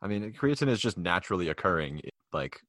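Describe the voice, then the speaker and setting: A young man with a low, deep voice talks easily in an unhurried podcast chat. He explains things at length, with plenty of fillers and restarts. The sound is close and dry, with no room around it. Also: very animated, a bit bright, dry recording. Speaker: podcast co-host. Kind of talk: casual chat.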